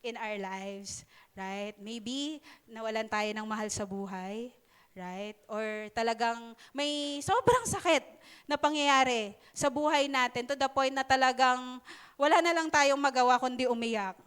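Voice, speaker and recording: Young female preacher, high smooth voice, loose conversational delivery with fillers and asides. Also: a bit bright. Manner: conversational, halting, with many fillers and playful asides. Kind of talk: sermon in Taglish.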